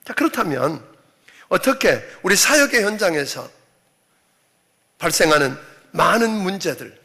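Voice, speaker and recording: A man's voice: high voice, sing-song, measured pace, vocal fry, sharp tone, husky. A middle-aged man preaching a sermon as senior pastor, emphatic, often acting out quoted voices.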